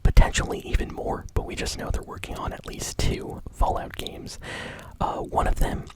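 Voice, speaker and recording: Gaming news comes from an ASMR host who whispers softly start to finish, never voicing a tone, at a moderate pace. The speech is informal and somewhat hesitant while staying enthusiastic and keen.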